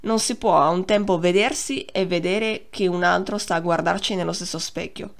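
A woman narrating a novel as an audiobook reader, in a measured, expressive reading that slows down on key phrases. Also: on the low side, creaky. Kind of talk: scripted literary narration.

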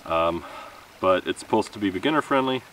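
This camping vlogger, a man in his thirties, talks to the camera in a casual, unhurried way, rambling a bit and making fun of himself. His deep, fairly bright voice is animated and slightly fast. He's at a wooded campsite, recorded by a camera a few metres off, with outdoor noise around the distant mic.

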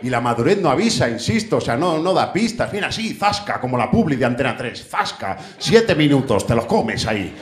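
A man's voice: mid-range voice, big pitch swings, brisk, hardly any pauses. Man, 30s, Spain Spanish accent, stand-up comedy, brash and profane, echoey theater. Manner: brash, profane, chatty with the crowd. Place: theater stage. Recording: echoey theater with faint audience.

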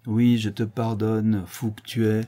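A man's voice: medium pitch, very animated, normal speed, warm tone, slightly rough, voice pushed up. A man voicing a tender, teasing young countess in a storybook, speaking in a raised voice.

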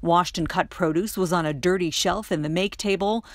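A middle-aged woman reporter reading a scripted news voice-over in a steady, crisp delivery. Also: fairly low pitch, moderate pace, no echo, clean studio sound. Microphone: studio voice-over mic.

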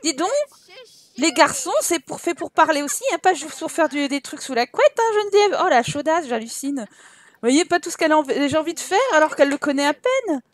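Young female let's-play host, bright high pitch, dry booth sound, playful running commentary. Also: expressive, fairly quick, no room sound. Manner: chatty, teasing her characters with exclamations. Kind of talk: casual gameplay commentary.

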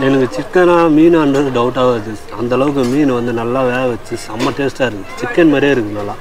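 Man talking fast while eating. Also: medium pitch, a crowd in the background. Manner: rapid, repeats "semma taste" praise. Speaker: food vlogger. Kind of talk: food review vlog. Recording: street noise with traffic.

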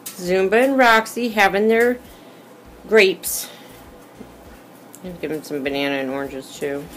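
A woman's voice: lowish voice, measured pace. A woman vlogging at home on a phone camera, chatting to her pet birds in sing-song baby talk. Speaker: pet bird owner vlogging. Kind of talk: casual vlog talking to pet birds. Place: home indoors.

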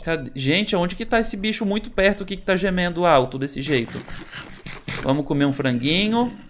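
Jittery Brazilian gaming host. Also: male voice, high voice, expressive, normal speed, a little hiss or hum. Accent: Brazilian Portuguese. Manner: chatty, talks to viewers, nervous exclamations. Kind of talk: Minecraft let's play commentary.

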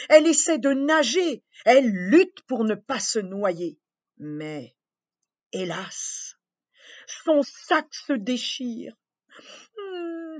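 Gentle, slow storyteller woman. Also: high voice. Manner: gentle, expressive, addressing children. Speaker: children's storyteller. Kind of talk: reading a children's story aloud. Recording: dull lo-fi recording.

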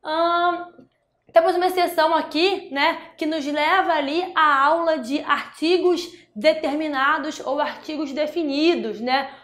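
A woman's voice: high voice, fairly even intonation, a little slow, fairly bright tone. A woman from Brazil teaching a Spanish grammar lesson for exam prep, explaining step by step and checking in with frequent "né?" and "tá?". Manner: explanatory, with frequent "né?" and "tá?" tag questions. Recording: roomy echo.

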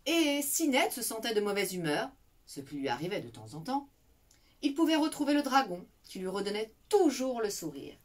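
A woman reading a children's story aloud in an expressive, animated way. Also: on the high side, moderate pace.

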